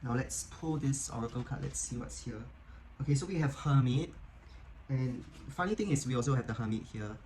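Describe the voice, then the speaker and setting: Speaking at normal speed in a medium pitch, a male tarot reader talks his client through a casual reading. He's gentle and encouraging, chatting along with plenty of "like" and "okay?" checks. The audio is poor, with slight background noise.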